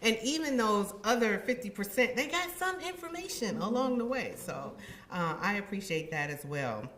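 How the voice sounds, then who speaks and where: Woman, university administrator, ceremony address; expressive, animated delivery, echoey room sound. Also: lowish voice. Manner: expressive, acts out her own past thoughts. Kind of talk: heartfelt ceremony speech.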